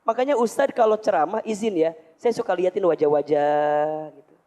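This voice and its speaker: A man's voice: high-pitched, normal speed, mellow, slight background noise. A male preacher with a Sundanese accent, giving an emotive sermon to a women's group. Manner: emotive, acts out prayers, mixes in regional words.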